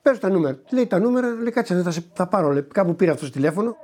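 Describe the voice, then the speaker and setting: Recounting his lottery win to an interviewer, an older man speaks in a high, husky, darkish voice with lively intonation. He acts out the conversations in this personal anecdote and trips over repeated words when he gets moved.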